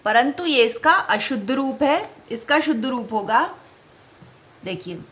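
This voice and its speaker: Lady teacher doing a spelling lesson for kids, slow and careful, kinda muffled lo-fi sound. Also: high voice, animated, fairly bright tone. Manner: slow and deliberate, stressing each example word. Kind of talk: Hindi spelling lesson for children.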